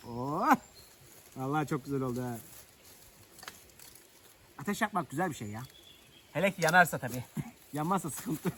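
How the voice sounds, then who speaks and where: High-voiced man chatting outdoors. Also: expressive, normal speed, long pauses, a bit bright, slight background noise. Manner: chatty, joking, talks to viewers while working. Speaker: village outdoor vlogger. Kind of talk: casual chat to camera. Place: outdoors in rural nature.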